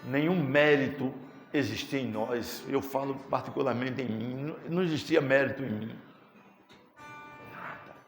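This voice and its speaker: A man's voice: medium pitch, moderate pace. A man preaching a sermon as pastor, with a Brazilian Portuguese accent, talking with swelling, impassioned fervor. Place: church sanctuary. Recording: echoey church hall with music.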